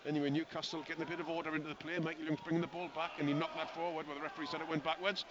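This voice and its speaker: A man giving live play-by-play radio commentary on a rugby match, with rapid running calls and chatty asides to his co-commentator. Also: on the high side, level tone. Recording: lo-fi broadcast with outdoor crowd noise.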